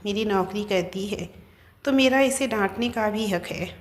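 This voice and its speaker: A woman's voice: medium pitch, measured pace, close to an everyday voice. A woman voicing a proud, wealthy young wife who answers back angrily, in a narrated story. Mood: defiant. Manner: angry, defiant.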